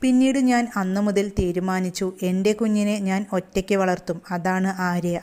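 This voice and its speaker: A wounded but composed young mother speaks with quiet, measured reproach, as a woman narrator gives her lines. The voice is smooth and clear, read as a storybook part in an ordinary middle register. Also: mid-range voice, steady tone, natural voice. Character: hurt, dignified young mother, calm and firm.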